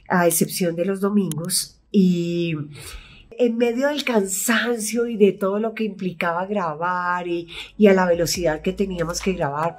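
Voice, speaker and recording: A woman's voice: fairly low pitch, darkish tone. A middle-aged woman with a Colombian accent, an actress hosting her own video channel, telling rambling behind-the-scenes stories and acting out what she said back then. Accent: Colombian (Bogotá). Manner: rambling, chatty, acts out her own past voice. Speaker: actress and YouTube host. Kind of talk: casual storytelling vlog.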